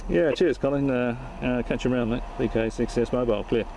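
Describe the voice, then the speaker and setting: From inside his car, a man who hosts videos and operates amateur radio talks quickly in a mid-range voice, keeping the radio chat and vlog narration jokey, matey, and informal, with background noise audible.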